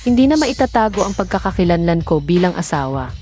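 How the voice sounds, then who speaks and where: An actress dubbing a composed young wife who speaks coolly and firmly. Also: female voice, lowish voice, very animated, fast talker, a little mellow, faint music behind. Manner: cool and firm. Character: composed young wife hiding her marriage. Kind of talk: dubbed drama acting.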